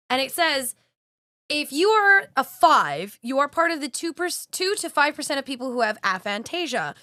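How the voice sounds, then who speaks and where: Bright, blunt woman podcaster. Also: high-pitched, no room sound, studio quality. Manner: blunt, swears, reads aloud. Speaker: podcast co-host. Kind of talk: casual chat.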